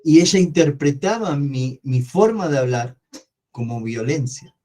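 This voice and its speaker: A man with an Argentine accent teaching an online coaching class, talking loudly and energetically and putting questions to the class that he answers himself. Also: a little high, a little slow. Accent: Argentine Spanish. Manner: loud, energetic way of speaking. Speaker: coaching course instructor.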